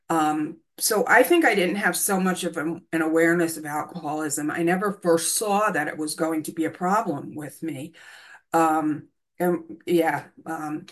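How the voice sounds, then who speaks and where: Candid woman in her sixties, hesitant. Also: sits low. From United States. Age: 60s. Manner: hesitant, many ums, candid. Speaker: recovering alcoholic sharing her story. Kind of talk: personal testimony.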